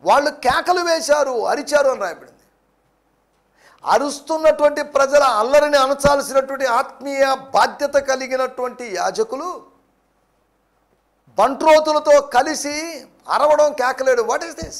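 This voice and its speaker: Man, pastor, emphatic sermon, very high pitch, gravelly. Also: measured pace, long pauses. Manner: preaching with English phrases mixed in, emphatic.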